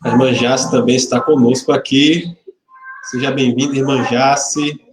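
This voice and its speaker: Speaking in a mid-range voice with a steady tone and a slightly slow pace, this forty-ish pastor from Salvador, Bahia, Brazil leads a livestreamed service with greetings and prayer. He's chatty and informal, naming viewers and joking lightly, with a crowd in the background. It's picked up by a webcam mic in a church hall, sounding roomy.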